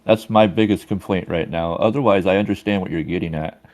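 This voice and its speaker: A man's voice: low-pitched, brisk, darkish tone. A man moderating a casual chat, giving direct critique of a game.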